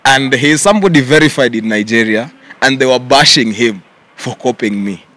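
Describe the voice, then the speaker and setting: A young man with a Kenyan accent, answering interview questions in a relaxed way and mixing English with Swahili slang. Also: mid-range voice, fairly quick. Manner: relaxed, mixes English and Swahili slang, says "yeah" often. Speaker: content creator guest.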